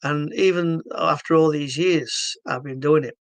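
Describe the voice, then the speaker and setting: This English man with a Yorkshire accent speaks a little slowly in a slightly high voice, with no echo in the recording. He's earnestly describing his stroke therapy method in a casual piece to camera, stumbling through plenty of fillers and restarts.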